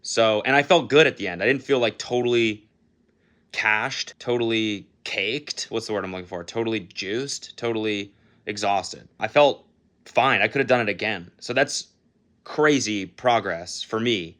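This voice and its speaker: Bright-voiced casual young man vlogging. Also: lowish voice, moderate pace. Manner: casual, swears freely, self-mocking, laughs often. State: out of breath after a run. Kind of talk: casual training vlog.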